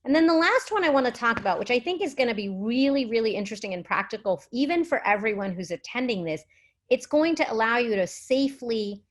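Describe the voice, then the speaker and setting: In a medium-pitched voice, a middle-aged physician addresses a virtual summit, her explanations conversational yet articulate, punctuated by emphasis and rhetorical questions.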